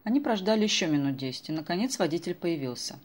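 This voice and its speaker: Woman audiobook narrator, slightly low voice, even storytelling. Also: fast. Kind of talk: scripted narration.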